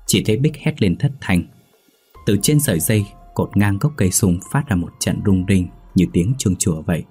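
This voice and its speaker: A man narrating a ghost story in a steady, measured reading voice. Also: on the low side, slightly rough, faint music behind.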